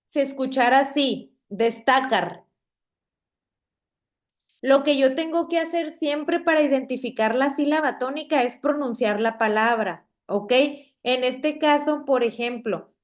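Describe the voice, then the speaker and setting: A woman teacher with a Mexican Spanish accent, explaining a classroom lesson slowly and patiently, checking in with her students after nearly every sentence. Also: high voice. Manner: slow, patient, checks in with "¿ok?" constantly. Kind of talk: classroom lesson on spelling and stress. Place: classroom with projector screen.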